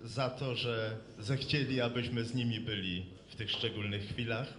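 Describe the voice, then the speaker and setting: A man's voice: medium pitch, steady tone, normal speed, fairly bright tone. A man giving a formal, courteous speech of thanks and congratulation. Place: hall at a public ceremony. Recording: echoey hall, faint noise.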